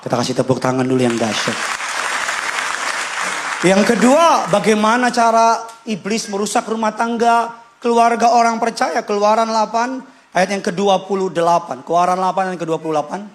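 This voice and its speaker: A male pastor, preaching an animated sermon that swings between loud bursts and quiet asides. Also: normal speed, some chatter behind. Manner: animated, shifts pitch and loudness, acts out quotes with shouts. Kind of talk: lively sermon. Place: church.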